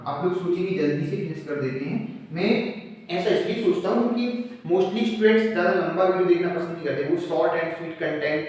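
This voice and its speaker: A man teaching a casual grammar lesson, reassuring and slowly repeating the key terms. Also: high-pitched, a little mellow. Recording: echoey room, voice from a distance.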